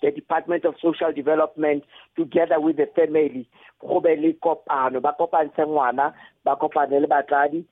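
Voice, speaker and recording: A man's voice: a little high, level tone, no echo. Hesitant South African Setswana man, phone-like sound. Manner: hesitant, frequent pauses. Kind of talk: radio discussion, mixing languages. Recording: narrow phone-like line.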